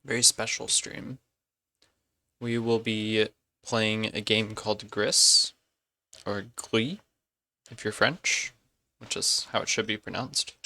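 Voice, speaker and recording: A man chatting casually on a game stream, slow and unhurried, with a gravelly, fry-laced voice that still sounds bright and forceful. His pitch sits on the low side, and he drifts off track and corrects himself mid-sentence. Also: flat delivery, no room sound. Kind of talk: casual live-stream chat.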